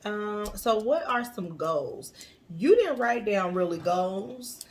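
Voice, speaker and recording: A woman's voice: mid-range voice, animated, slow. A woman in her late thirties co-hosting a podcast in casual chat, matter-of-fact and teasing. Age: late 30s. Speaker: podcast co-host.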